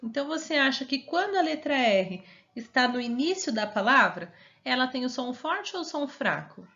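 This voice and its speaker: A Brazilian Portuguese-accented woman teacher walks young children through a worksheet, drawing out every word slowly and checking in with gentle questions. Her voice is bright and a little high. The recording is dull and lo-fi, like a simple home setup. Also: very animated. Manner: slow, syllable-stretched reading of words, coaxing questions. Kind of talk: remote classroom lesson for young children.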